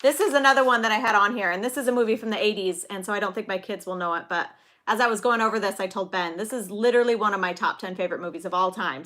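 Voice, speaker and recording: A middle-aged woman with a sharp, mid-range voice hosts a casual livestream, chatting enthusiastically, reading movie quotes and cheering viewers on by name.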